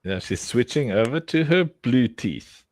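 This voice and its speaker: A man hosting a relaxed livestream, speaking slowly with a lively rise and fall in his voice. He jokes and teases his guests. The sound is dry and close to the mic. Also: medium pitch, no echo. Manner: joking, teasing, coaching guests to repeat words. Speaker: livestream host. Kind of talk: casual livestream chat.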